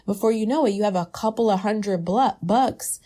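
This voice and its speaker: A woman coach talks straight to aspiring entrepreneurs in a relaxed, conversational way, leaning hard on key points. Her voice is warm and mellow, at an ordinary pitch for a woman. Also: moderate pace. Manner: conversational, emphatic, laughs lightly. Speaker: business coach. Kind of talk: casual advice talk.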